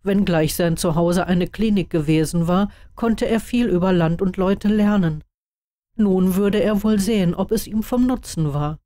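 A woman reading a story aloud in a calm, even manner. Her voice is fairly low for a woman and has a dark, mellow tone. The recording is dry and close, with no room sound. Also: measured pace, dry recording. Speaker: narrator. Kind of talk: audiobook reading of fan fiction.

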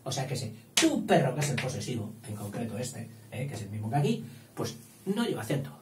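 A man's voice: mid-range voice, big pitch swings. Man dictating, roomy echo. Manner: slow, spelling out words, playful asides. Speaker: teacher. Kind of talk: dictation lesson. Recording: echoey room, distant mic, faint hiss.

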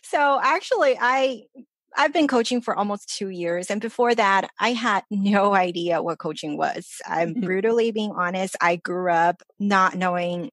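A woman's voice: medium pitch, measured pace, dry recording. Upbeat woman life coach, dry sound. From born in China, grew up in Los Angeles. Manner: upbeat, earnest, motivational. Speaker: life coach, podcast guest. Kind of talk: casual interview chat.

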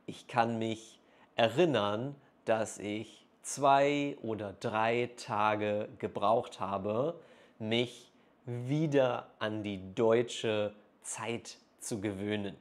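A man in his thirties speaking slowly and clearly for language learners, with carefully articulated phrases and pauses, recorded on a lapel mic in a small room. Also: fairly low pitch. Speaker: German teacher vlogger. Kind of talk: slow, clear speech for learners. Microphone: clip-on lapel mic.

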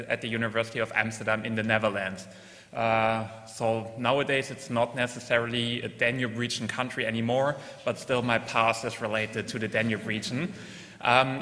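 A man in his thirties from Germany giving an earnest award acceptance speech at a lectern, steady and repeating words as he starts each point. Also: mid-range voice. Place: large formal hall at a lectern. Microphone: lectern microphone. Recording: long hall reverb.

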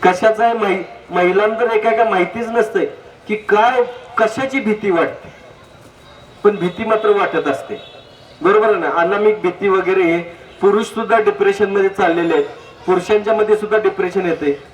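A man's voice: high-pitched, normal speed. A man giving a humorous public talk on health, full of anecdotes and direct questions to the audience. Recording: echoey hall, distant mic, faint noise.

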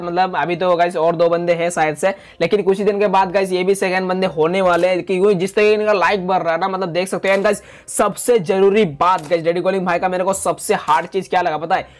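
A young man giving chatty, excitable voice-over commentary on his own gameplay, complaining with dramatic flair. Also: sits high, a little fast, hardly any pauses. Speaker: gaming YouTuber.

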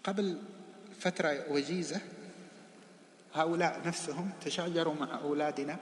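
A man's voice: on the high side, steady tone, normal speed, a little hiss or hum. A man giving a religious lesson in a mosque, telling a story with voices and then exhorting with rising force. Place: large mosque hall. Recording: echoey mosque hall with long reverb.

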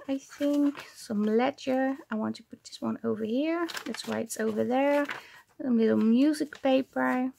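A woman's voice: sits high, gravelly. A woman hosting a casual crafting vlog, chatting at her desk and often stopping with ums as she searches for words. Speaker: junk journal crafter and channel host.

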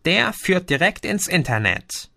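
Audiobook guy voicing an impatient lil electric being, brisk, higher voice, dry. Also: big pitch swings, creaky, pushed and bright, dry recording, heavily acted. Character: impatient being who travels through electric sockets.

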